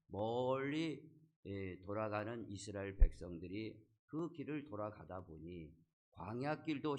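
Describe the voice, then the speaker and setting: A man with a fairly low voice delivers a Sunday sermon as the church's senior pastor. He retells the scripture story in his own words, pausing on short affirming fillers between phrases.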